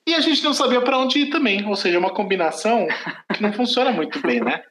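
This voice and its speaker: Brazilian guy w a pretty high voice, rambly casual podcast storytelling, keeps restarting sentences. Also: lively intonation, quick pace, fairly bright tone, echoey room, a little hiss or hum, poor audio. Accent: Brazilian Portuguese. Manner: rambling, self-correcting, laughs at own story. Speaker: podcast host.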